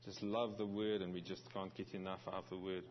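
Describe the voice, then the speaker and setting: A low-voiced man with little pitch movement preaches a sermon as a visiting pastor, his speech halting with many restarts and fillers. He comes from South Africa and has a South African accent tinged by New Zealand. The sound is lo-fi, with slight background noise.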